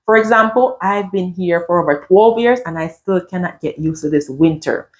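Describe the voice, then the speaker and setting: A middle-aged Jamaican woman talking to her camera in a lively, chatty way, dropping patois phrases in among standard speech. Her voice sits a little low for a woman. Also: normal speed. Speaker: vlogger. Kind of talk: casual talk to camera.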